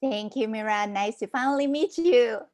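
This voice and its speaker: She has a fairly high pitch and speaks at a normal speed. A business mentor in her forties who grew up in Hong Kong and Canada, she relates her life story as a podcast guest in a lively, conversational, casual interview style.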